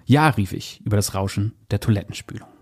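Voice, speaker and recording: Low-voiced man reviewing a book. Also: fairly quick, husky. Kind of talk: book review with read-aloud excerpt.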